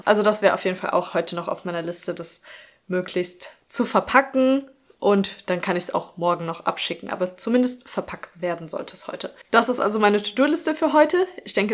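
A young woman in her twenties talks casually to the camera in a lifestyle vlog. She sounds chatty and upbeat as she lists her chores in a small apartment. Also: medium pitch. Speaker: lifestyle vlogger. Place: small bright apartment room, indoors.

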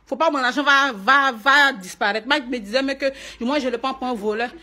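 Speaking fast in a high, sharp voice, this singer and stage performer rants emotionally in a live video from a private home. She is tearful and upset, going over the same points as she pleads her case.

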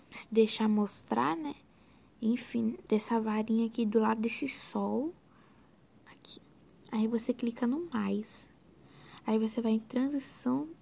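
A Brazilian woman talking through a screen tutorial, her voice slightly high with a gravelly fry and a mellow, dark tone. She drifts into soft whispers and mutters exclamations to herself as she clicks along. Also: a little hiss or hum. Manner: chatty and scattered, often dropping to a soft whisper, exclaiming to herself. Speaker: video editing tutorial host. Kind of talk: casual screen-recorded tutorial.

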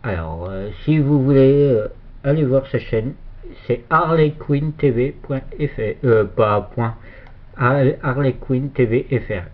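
Slow, hesitant man on a lo-fi mic. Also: medium pitch. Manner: hesitant, many fillers and restarts. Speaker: youtuber. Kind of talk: casual screen-recorded channel shoutout. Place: room at a computer screen. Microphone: phone filming a monitor. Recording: dull lo-fi phone recording.

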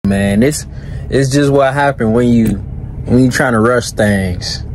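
A trucker in his thirties, mid-range and a little slow, chats casually for a late-night vlog in his cab. Holding the phone close at arm's length, he stays laid-back and slangy with constant "you know what I'm saying," and a little hiss or hum is audible.

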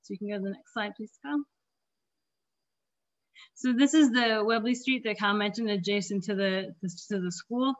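Woman planner, strained voice going, halting delivery with throat clearing, lo-fi call audio. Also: medium pitch. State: losing her voice. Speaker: park planner presenting at a community meeting. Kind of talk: presentation over slides. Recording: dull lo-fi meeting audio.

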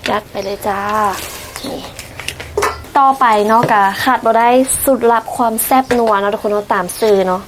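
A woman's voice: medium pitch, steady tone, normal speed, background noise. A Lao woman from southern Laos hosting a cooking vlog, chatting casually and teasingly with viewers while she cooks outdoors.

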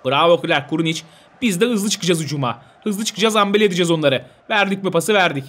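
A young man commentating his own football video game, talking to his players like a coach and shouting when goals go in. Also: high voice, quick pace. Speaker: gaming video host.

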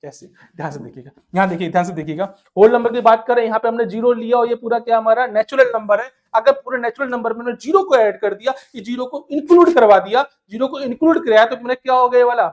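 A male math teacher walks students through an exam-prep lesson. He keeps asking rhetorical questions and answers each one himself. He addresses listeners fondly as "my dear" and counts numbers aloud in a steady rhythm. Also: very high-pitched, quick pace, hardly any pauses. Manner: calls listeners "my dear", mixes English terms into Hindi.

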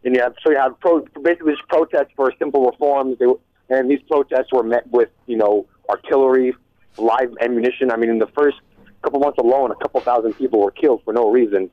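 A young college-age man on a call-in radio show, pressing his point with rapid, urgent passion. His voice comes through a thin, phone-like line. The sound is dry and close. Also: mid-range voice, steady tone, dry recording. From United States. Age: young adult. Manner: fast, urgent, passionate arguing. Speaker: caller.

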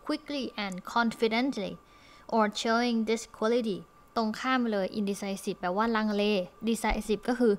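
A woman's voice: fairly high pitch, drawn-out words. Woman, Thai speaker, English teacher, patient step-by-step explanations, repeats each word. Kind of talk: recorded online lesson.

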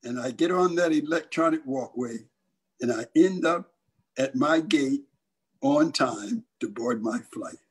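A man's voice: medium pitch, lively intonation, unhurried, breathy edge. An older male evangelist pastor telling a dramatic storytelling sermon and acting out the voices.

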